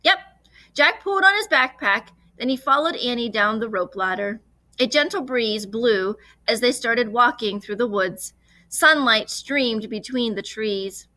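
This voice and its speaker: Here a female storyteller performs a children's book with plenty of expression, alternating simple narration with spirited dialogue. Her pitch sits fairly high, her delivery is unhurried, and there's no room sound.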